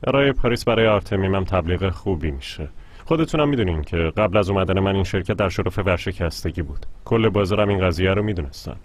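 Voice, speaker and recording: A man's voice: sits low, lively intonation. An actor playing a polite, businesslike young businessman in a dubbed drama. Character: confident young businessman managing a company project.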